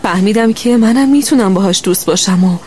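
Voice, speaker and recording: Gentle woman narrating a children's story. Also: mid-range voice, slight background noise.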